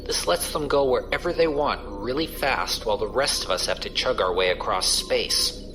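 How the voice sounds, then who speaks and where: In a science fiction audio drama, a voice actor plays a casual, wry space pirate crewman who explains things colloquially. His mid-range voice sounds natural at a moderate pace over music, and the mood is relaxed and explanatory.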